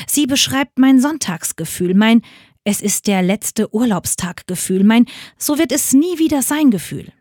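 A woman of middle pitch delivers a scripted spiritual reflection in a personal, earnest voice. The recording is close and dry, with no room echo. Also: darkish tone. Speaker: devotional speaker.

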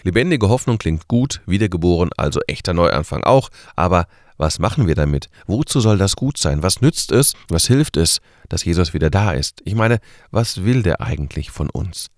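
A man's voice: deep voice, animated, normal speed, few pauses, dry recording, studio quality. A man hosting a short radio church service and giving a sermon, talking conversationally with rhetorical questions.

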